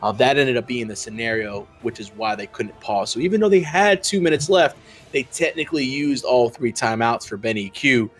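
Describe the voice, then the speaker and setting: Casting a video game match at normal speed, a man with a medium-pitched, slightly bright voice and lively intonation goes over the picks. He rambles, leaning on fillers and frequently restarting his sentences.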